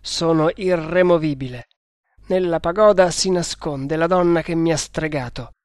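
A determined jungle hunter gives orders firmly and steadily, as a male narrator puts him on. The voice is slightly high and dry, recorded close. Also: moderate pace, no echo, lightly acted. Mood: resolute. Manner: firm, resolute. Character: bold, lovestruck male snake hunter, resolute.

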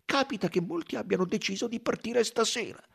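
A deferential, evasive middle-aged train conductor, voiced by a male reader, raised and courteous. The voice is gravelly and husky. It is an audiobook reading. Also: high voice, animated, fairly quick, a bit bright, pitched above the performer's own voice, heavily acted.

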